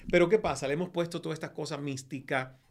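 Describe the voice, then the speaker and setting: Crisp-spoken Cuban man with no accent. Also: a little high, steady tone, fast talker. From Cuba. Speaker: podcast guest, meditation teacher. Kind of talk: casual podcast conversation.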